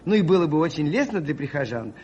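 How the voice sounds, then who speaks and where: A man acting a meek, courteous provincial priest in an old radio play, speaking haltingly with polite stammers. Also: on the high side, sing-song, darkish tone. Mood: hesitant, polite. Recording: muffled, noisy old radio recording.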